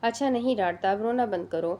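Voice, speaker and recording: A woman's voice: medium pitch, lightly acted. A woman reading the part of a hot-tempered young man who speaks sternly and in clipped lines. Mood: gruff. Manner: stern and clipped, softening when she cries.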